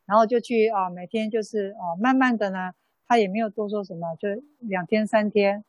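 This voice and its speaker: Woman, Buddhist nun, dharma talk, husky, dry recording, unhurried, soft fillers. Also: mid-range voice, no room sound, muffled recording. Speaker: Buddhist nun teaching a sutra class. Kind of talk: dharma talk told as a story.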